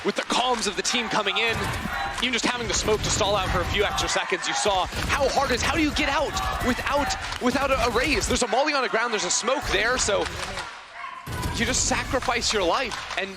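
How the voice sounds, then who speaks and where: A man working as an esports caster, giving animated, emphatic analysis of the match. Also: very high voice, fairly quick, loud music behind the voice. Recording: clear background noise.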